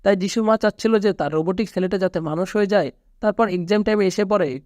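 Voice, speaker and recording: Narrator: male, Bangladeshi Bengali accent, high voice, dry close recording, even storytelling read. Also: no echo. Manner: steady storytelling recap, quoting characters flatly. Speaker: movie recap narrator. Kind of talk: scripted narration.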